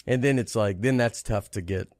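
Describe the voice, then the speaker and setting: A stand-up comedian chatting on a podcast in a rambling way, with many halting restarts. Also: male voice, lowish voice, a little mellow, dry recording. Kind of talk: casual podcast chat.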